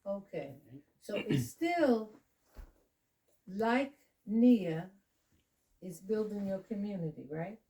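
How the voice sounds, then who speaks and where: A woman leading children in a home lesson, coaching them patiently with slow, drawn-out explanations. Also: medium pitch, expressive, warm tone, recorded from a distance, low-quality recording. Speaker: adult leading children in a candle lighting. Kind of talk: home teaching talk. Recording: voice from away from the mic.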